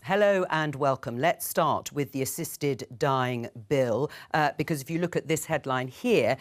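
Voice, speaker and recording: A woman presenting a live political talk show, brisk and lively. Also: low voice.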